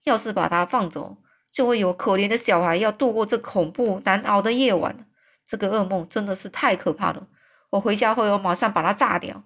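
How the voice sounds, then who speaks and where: A woman voicing a big, friendly male giant in a storybook read-aloud, with loud exclamations and wailing cries. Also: medium pitch, a little fast. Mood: grim.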